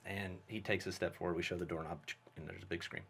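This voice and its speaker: A man, a guest filmmaker, telling a story in casual, animated conversation. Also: low-pitched, fast talker, gravelly, slightly rough. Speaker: guest, special effects artist and filmmaker.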